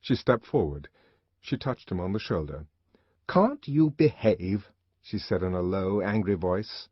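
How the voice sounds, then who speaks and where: A man narrating a literary novel in a dramatic, expressive reading. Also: low voice, normal speed, breathy edge, no room sound. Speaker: audiobook narrator. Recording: dull lo-fi audiobook recording.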